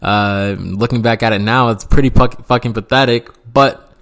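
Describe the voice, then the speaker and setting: A man's voice: medium pitch, fairly even intonation, moderate pace, a bit bright. Rambling, foul-mouthed young man telling a story. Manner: rambling, heavy swearing and fillers. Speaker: vlogger. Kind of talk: casual storytime.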